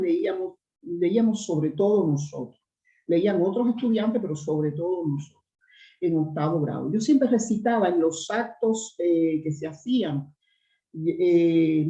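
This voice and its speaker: A middle-aged Cuban woman with a strong, resonant voice, telling stories in a lively conversational interview. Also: on the low side. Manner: animated storyteller, lively asides. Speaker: actress, interview guest. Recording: roomy, slightly dull recording.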